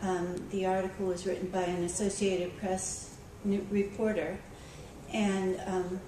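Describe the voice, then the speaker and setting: A woman's voice: mid-range voice, flat delivery, measured pace. A woman librarian giving a conversational conference talk, telling a story with frequent ums and restarts. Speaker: school librarian speaking at a conference. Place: conference room. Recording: echoey hall, recorded from far off with background noise.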